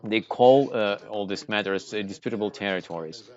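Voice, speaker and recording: A muffled, low-fidelity recording carries a man's voice on the deeper side. He speaks in a halting commentary style. His phrases come in pieces, with hesitant breaks, like someone interpreting live. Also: darkish tone. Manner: hesitant, frequent pauses mid-phrase. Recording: dull lo-fi audio.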